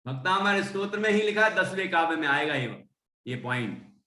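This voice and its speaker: A man teaches a devotional text, explaining each point and chanting each line slowly so his students can repeat it. His voice sits a little high and sounds bright and forceful. The room around him is roomy and echoey. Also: lively intonation. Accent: Hindi speaker from Indore, central India. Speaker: religious teacher. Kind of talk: devotional text lesson with recitation.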